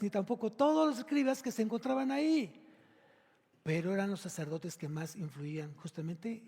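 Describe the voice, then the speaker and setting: A male pastor with a Mexican Spanish accent speaks in a high voice with a breathy edge, his sound filling a large hall. He preaches an emphatic sermon in a church sanctuary, asking the congregation pointed questions and rising to loud exclamations.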